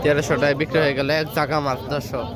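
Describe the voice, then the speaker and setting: A man's voice: on the high side, flat delivery, rapid-fire. A Bangladeshi man hosting a vlog, giving on-the-spot commentary to his viewers. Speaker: vlog host. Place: crowded fish market. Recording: loud market crowd.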